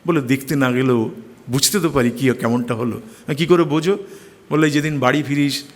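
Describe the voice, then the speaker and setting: A middle-aged man, a stage actor, telling stories in an anecdotal lecture with expressive, animated delivery. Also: medium pitch, brisk. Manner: expressive storyteller, quoting his mother in animated bursts. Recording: long hall reverb.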